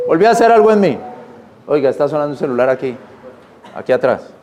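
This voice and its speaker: A man preaching a sermon in church, reading scripture slowly and explaining it in plain, repetitive words. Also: fairly high pitch, big pitch swings, a little mellow, slight background noise. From Colombia. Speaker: pastor.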